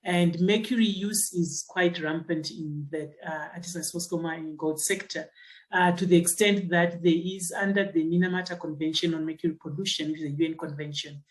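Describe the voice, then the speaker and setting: A woman's voice: deep voice, fairly even intonation, brisk, poor audio. A middle-aged woman from Zimbabwe, a geoscientist answering interview questions in a thoughtful way, with many fillers and restarts. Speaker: geoscientist and associate professor.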